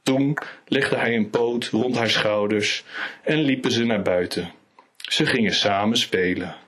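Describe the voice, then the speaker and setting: A man reads an animal story aloud at a slow, easy pace. His voice sits a little low and has a husky grain. He lightly colours the characters' lines as he goes. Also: fairly bright tone. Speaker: reader. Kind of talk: storybook reading.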